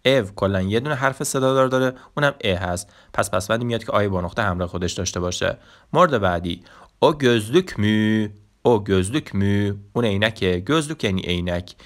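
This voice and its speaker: A man teaching a language lesson, patiently repeating example sounds slowly and clearly. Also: fairly low pitch, a bit bright.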